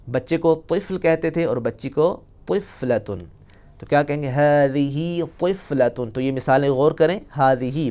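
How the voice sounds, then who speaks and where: A man teaching an Arabic lesson, explaining patiently and pronouncing each example phrase slowly and deliberately. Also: a little high, a little mellow. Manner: slow, drawn-out pronunciation of example phrases. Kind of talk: recorded language lesson.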